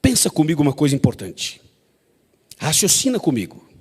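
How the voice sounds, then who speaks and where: A man's voice: on the high side, wildly swooping pitch, brisk, slightly rough, long reverb tail. A man preaching a sermon, emphatic and repetitive, often asking the congregation to agree.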